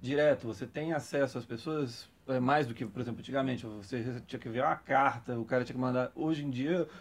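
A man's voice: mid-range voice, fairly quick. A man with a Brazilian Portuguese accent hosting a film podcast, talking thoughtfully and often repeating words as he hesitates. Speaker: podcast host. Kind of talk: casual podcast discussion.

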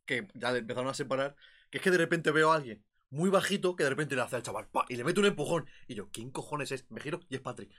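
A young man, retelling a night out in a lively, exaggerated way in casual podcast chat. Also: medium pitch, fast talker. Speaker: podcast co-host.

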